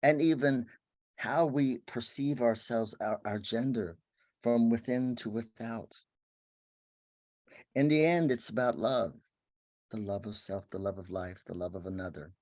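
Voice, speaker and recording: A man giving an earnest spiritual talk, his voice often sinking to a soft, hushed murmur. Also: medium pitch, measured pace, long pauses, no room sound, studio quality. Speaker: workshop speaker.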